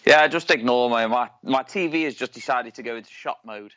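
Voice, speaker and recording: A man's voice: mid-range voice, brisk, pushed and bright, no room sound. Teasing man on a lo-fi mic. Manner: cheeky, teasing, crude jokes. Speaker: podcast co-host. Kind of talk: casual chat. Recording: dull lo-fi dry sound.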